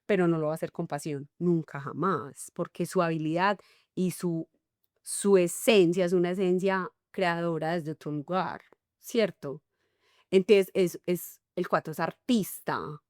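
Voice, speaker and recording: A woman's voice: lowish voice, unhurried, dry recording, clean studio sound. A middle-aged woman with a Colombian paisa accent, a coach talking expressively in an interview and acting out little dialogues. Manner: animated, acts out little dialogues. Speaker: guest, enneagram coach. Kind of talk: conversational interview.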